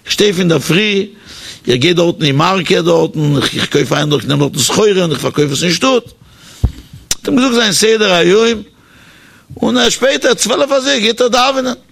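Man, high gravelly voice, animated sermon storyteller with a hesitant, repeating delivery. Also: normal speed. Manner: animated storytelling, changing pitch for the people in the story; hesitant, with repeated words and fillers.

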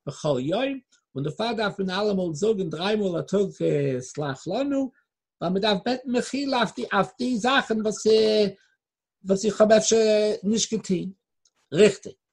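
This religious lecture comes from a Torah teacher who quotes Hebrew and chants blessings, his voice unhurried and breathy. He shifts between soft murmuring and loud, forceful bursts.

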